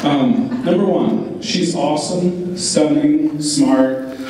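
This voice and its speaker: A man's voice: on the high side, warm tone. Echoey, distant man giving a wedding toast. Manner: halting, candid, wry asides. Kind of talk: informal wedding speech, partly read aloud. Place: large reverberant event room with audience. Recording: echoey hall, distant mic, background noise.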